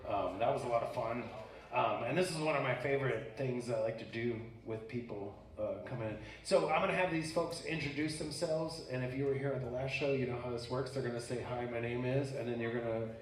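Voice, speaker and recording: A man's voice: medium pitch, a little fast. A man performing a live comedic magic act on stage, joking bawdily with audience volunteers. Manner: bawdy, joking crowd banter. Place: live music venue stage. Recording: roomy venue sound from far off. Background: audience laughter.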